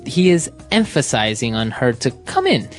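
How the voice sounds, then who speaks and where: A man's voice: medium pitch, huge pitch swings, moderate pace, soft background music. A man from Ecuador co-hosting an English lesson podcast, talking in a friendly, conversational way. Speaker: English teacher co-host.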